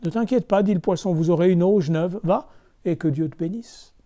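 A man's voice: high-pitched, normal speed, pitched above the performer's own voice, lightly acted. A man voicing a kind, gracious magical golden fish in a storybook reading. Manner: gentle, gracious.

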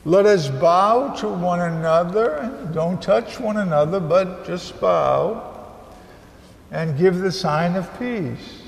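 A male priest leads the prayers of a Mass in an unhurried, measured recitation. His voice sits high and carries a gravelly edge. Cathedral echo surrounds every phrase with a long, roomy tail. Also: slight background noise. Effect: cathedral echo with long reverb. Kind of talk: liturgical prayer at a school Mass. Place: large cathedral basilica. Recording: echoey cathedral hall, long reverb.

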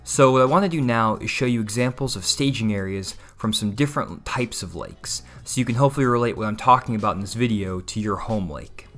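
A young man, giving steady instructional voice-over on bass fishing. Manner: explanatory, steady walkthrough. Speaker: fishing channel host.

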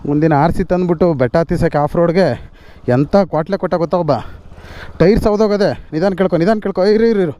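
A man vlogging an off-road ride outdoors on a forest dirt trail, calling out repeated quick instructions to fellow riders and laughing often. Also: high voice, dark tone. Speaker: motovlogger leading an off-road ride. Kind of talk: casual on-the-spot vlog talk.

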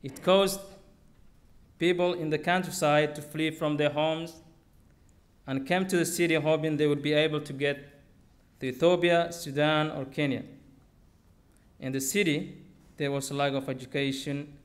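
A man's voice: on the high side, level tone, moderate pace, long pauses. Young man reading his story. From Somalia. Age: young adult. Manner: reads steadily from notes at a lectern, simple phrasing. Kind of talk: personal story read aloud on stage. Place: theater auditorium stage. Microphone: podium microphone.

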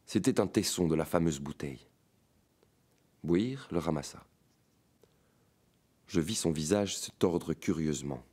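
Deep-voiced man reading a tale. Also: expressive, mellow. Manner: measured, dramatic storytelling. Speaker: reader of a short story. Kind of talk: audiobook narration.

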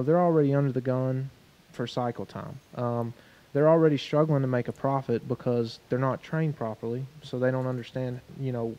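A man talks on a panel in a dealership showroom, measured and explanatory, repeating words as he thinks. His voice is dark and mellow. The recording sounds a little dull. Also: medium pitch. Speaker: collision repair panelist. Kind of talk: panel discussion. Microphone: handheld mic.

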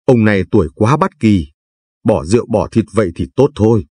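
A man voicing a gentle talking tooth that softly chants advice in verse to an old man, with a husky, low voice. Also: expressive, fairly quick, no room sound. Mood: pleading. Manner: soft sing-song verse chanting.

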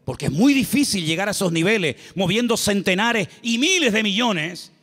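Canarian pastor, high voice, emphatic, repetitive, long church reverb. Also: male voice, big pitch swings, moderate pace, fairly bright tone. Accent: Canarian Spanish. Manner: emphatic, repetitive, humorous asides. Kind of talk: sermon. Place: church sanctuary.

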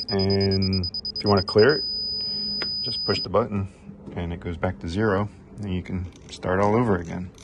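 A man's voice: sits low, heavy background noise. A middle-aged man in his garage, casually demonstrating a homemade test tool with many fillers. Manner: relaxed, rambling, filler-heavy. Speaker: HVAC technician demonstrating a tool. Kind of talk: casual workshop demo. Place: home garage workbench, indoors. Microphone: camera mic, speaker off-frame behind camera.

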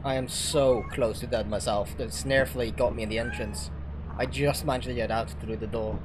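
This is a streamer in the middle of a co-op game, chatting with friends in a loose, profane way and breaking into loud yelps whenever something goes wrong. The pitch sits in a middle range, and the recording has clear background noise under it. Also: fairly even intonation, moderate pace. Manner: swears a lot, loud outbursts when startled. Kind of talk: casual gaming chat with friends. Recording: noisy game stream audio.

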